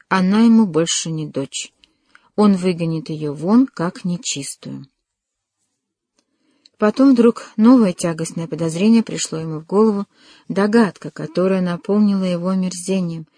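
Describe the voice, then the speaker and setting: A woman narrating a literary novel as an audiobook, with a measured and dramatic reading. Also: lowish voice, mellow, no echo.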